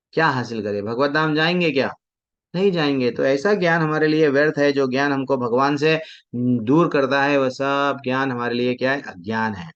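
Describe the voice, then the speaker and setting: A man preaching from a devotional text. He asks questions, answers them himself, and chants verses slowly. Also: medium pitch, a bit bright. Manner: mixes Hindi with English words. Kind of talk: devotional scripture talk. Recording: dull lo-fi sound.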